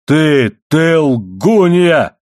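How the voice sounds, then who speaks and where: A man's voice: fairly low pitch, lively intonation, slow, no room sound, studio quality. A man voicing a drunken, coarse middle-aged coal miner who drags out his words and then bellows. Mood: bellowing. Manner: slurred drawl turning to bellowing.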